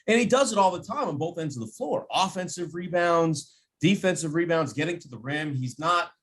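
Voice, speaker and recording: Here a higher-pitched man, speaking a little fast with lively intonation, guests on a podcast as a sports radio play-by-play announcer. His casual basketball analysis is animated and emphatic, full of repeated phrases and imagined quotes. A faint hiss or hum runs underneath.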